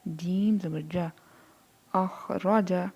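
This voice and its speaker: A woman teaching Quran reading, spelling out syllables slowly one by one, then explaining quickly. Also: lowish voice, fairly even intonation, warm tone, breathy edge, dull audio. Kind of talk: spelling out syllables in a slow lesson.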